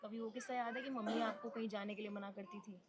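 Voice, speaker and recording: A woman reporter conducts field interviews for the news. She asks probing questions at an even, ordinary pitch, pressing her interviewees for answers. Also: fast talker, crowd noise.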